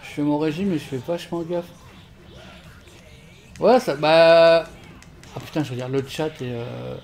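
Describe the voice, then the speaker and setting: A man streaming a fighting game from home on a desk mic, swearing and shouting at the game while chatting with viewers. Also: fairly high pitch, fast, creaky, faint music behind. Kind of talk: live gameplay commentary. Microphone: desk microphone.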